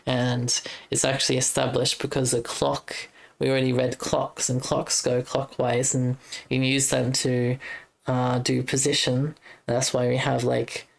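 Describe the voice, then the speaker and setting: Very low, gravelly Australian woman streamer. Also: flat delivery, measured pace. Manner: rambling, reads chat messages aloud and answers them. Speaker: livestreamer. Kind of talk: casual rambling stream chat.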